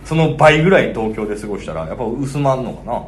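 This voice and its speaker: Brief: Kansai comedian, quick animated banter, mid-pitched man, rapid patter. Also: slight background noise. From Osaka, Japan. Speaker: comedian co-host. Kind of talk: casual comedy-duo chat.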